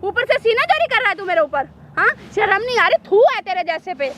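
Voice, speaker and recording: A woman's voice: very high-pitched, very animated, fairly quick, fairly bright tone, slight background noise. A woman playing an angry wife in a staged street skit, scolding and accusing over and over, outdoors by a street. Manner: accusing, scolding, repeats herself insistently.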